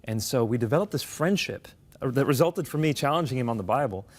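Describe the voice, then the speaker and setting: A man's voice: medium pitch, expressive, quick pace. A young adult man from the United States, a guest in an interview, telling his life story in an earnest, articulate way. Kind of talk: conversational interview.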